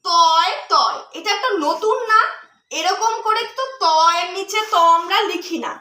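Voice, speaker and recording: A woman's voice: very high-pitched, moderate pace, pushed and bright. A woman teaching young children as a primary school teacher, explaining patiently and asking her class many questions. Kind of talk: teaching children Bengali conjunct letters. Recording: echoey room.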